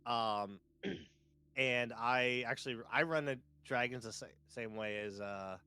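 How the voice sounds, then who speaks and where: A man playing in a tabletop game over voice chat, explaining things haltingly and restarting often. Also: mid-range voice, bright, forceful tone, clean tone. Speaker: player. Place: online voice chat.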